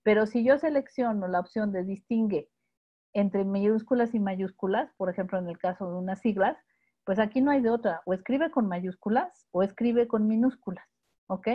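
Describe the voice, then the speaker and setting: A woman's voice: medium pitch, normal speed. Mexican woman teaching a webinar. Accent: Mexican Spanish. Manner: patient, step-by-step, checks in with "ok?". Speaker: instructor. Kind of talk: live webinar tutorial. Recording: dull lo-fi webinar audio.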